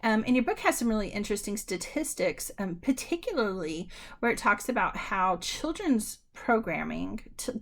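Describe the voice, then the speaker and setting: A university lecturer with a gravelly-edged voice at an ordinary middle pitch talks her students through the material in a recorded lecture. She is loose and conversational, addressing them directly, pausing on ums and restarting sentences.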